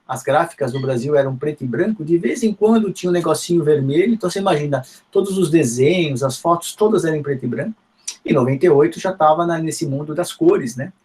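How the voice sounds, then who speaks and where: A man's voice: fairly high pitch, a little mellow. A middle-aged man from São Paulo with a Paulistano accent, giving a conversational university lecture full of tag questions and restarts. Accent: Paulistano Portuguese. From São Paulo, Brazil. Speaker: guest lecturer, physics education professor.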